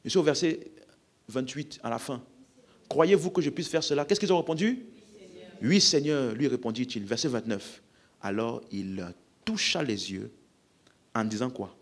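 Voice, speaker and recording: Husky, animated French preacher man. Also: mid-range voice, normal speed. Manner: emphatic, calls out questions to the congregation. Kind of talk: healing-service sermon.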